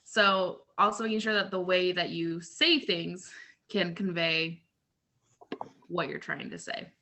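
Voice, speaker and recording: Woman, bright clear tone, chatty teaching, everyday examples, video call. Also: fairly low pitch, measured pace. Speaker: group leader presenting a lesson. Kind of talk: casual teaching talk to a group.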